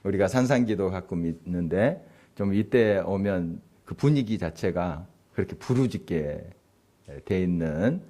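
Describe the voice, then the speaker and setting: A man's voice: low-pitched, lively intonation, measured pace, dark tone. A male pastor giving a conversational sermon, asking the congregation questions and chuckling as he speaks. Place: church sanctuary.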